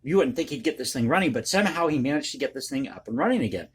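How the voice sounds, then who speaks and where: A man's voice: mid-range voice, lively intonation, racing, husky. A man hosting a casual ad-libbed vlog, talking in a rambling, folksy, conversational way. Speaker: online video host and commentator.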